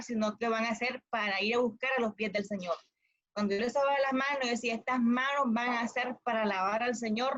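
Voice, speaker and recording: A woman's voice: fairly high pitch, a bit bright. A woman with a Nicaraguan accent giving a personal testimony, earnest and telling it step by step with small restarts. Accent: Nicaraguan Spanish. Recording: dull lo-fi sound.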